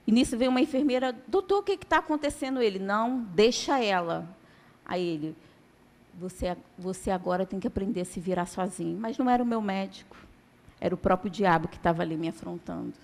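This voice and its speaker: A woman's voice: mid-range voice, lively intonation, fairly quick, a little mellow. A woman giving a church testimony as a sermon, telling her story dramatically and acting out the dialogue.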